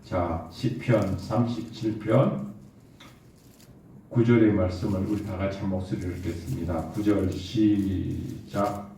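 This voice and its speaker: A man's voice: deep voice, fairly even intonation, slow pace, warm tone, a little hiss or hum. A man preaching a sermon as pastor, asking his listeners one rhetorical question after another. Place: church sanctuary. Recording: very echoey church from far off.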